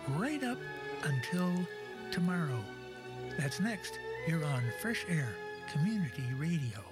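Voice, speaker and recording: A man's voice: a little high, very animated, measured pace. Male radio host over music. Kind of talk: radio presenting. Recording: clear music behind the voice.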